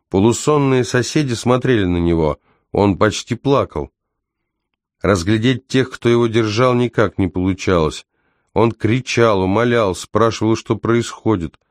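A man with a low voice reads a story aloud in measured, tense narration. He slows down for the dramatic beats. The recording is dry and close, with no room sound. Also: no room sound. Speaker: audiobook narrator. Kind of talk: scripted narration.

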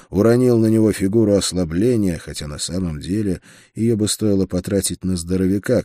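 A man reading a first-person fantasy audiobook in a steady, measured storytelling voice. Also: sits low, no echo, studio quality. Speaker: audiobook narrator.

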